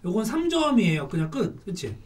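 A man's voice: sits high, big pitch swings, a little fast. A man hosting a casual board game session, chatty and self-mocking as he plays and explains the rules. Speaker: board game channel host. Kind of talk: casual chat while playing a board game. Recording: distant mic with faint noise.

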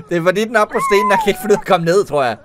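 A man's voice: sits high, very animated, background noise. A man giving playful, jokey commentary as a YouTuber reacting to animal videos, full of exclamations and asides.

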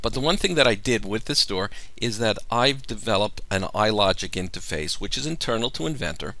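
A man giving a measured, step-by-step software tutorial as a voice-over. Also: on the low side, lively intonation. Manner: measured, explanatory walkthrough. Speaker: software demonstrator. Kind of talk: screen-recorded software tutorial.

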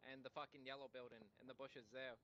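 A man's voice: mid-range voice, flat delivery, fast, lo-fi sound, a little hiss or hum. A sweary man giving casual tactical callouts to his squad in a military game. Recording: game voice chat under loud gunfire.

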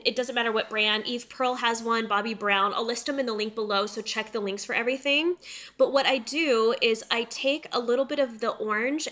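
A slightly high, sharp-toned woman in her thirties chats with viewers through a casual makeup tutorial. Getting over a cold has left her nasal and slightly stuffy-nosed. She sits close to the camera on an indoor room studio set.

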